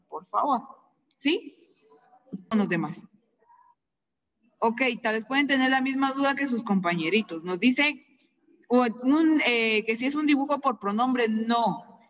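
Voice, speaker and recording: A woman teacher giving an online class, saying each word slowly and repeating it for her pupils. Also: on the high side, a bit bright, long reverb tail, lo-fi sound.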